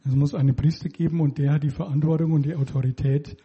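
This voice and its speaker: A man interpreting a sermon live, following the preacher closely with small hesitations and reading scripture passages slowly. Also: on the high side, fairly even intonation, breathy edge, muffled recording.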